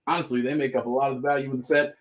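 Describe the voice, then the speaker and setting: A man hosting a live comic book sale, running through items with upbeat, joking pitchman patter. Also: little pitch movement, racing. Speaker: host selling comics on a live stream. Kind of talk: live sales chat.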